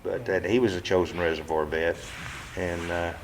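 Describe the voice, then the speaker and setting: With a crowd audible in the background, a man in his seventies speaks in a low, level voice during a casual oral-history interview in his living room. He describes his life bluntly and plainly, swearing now and then, and keeps breaking off to restart with "uh."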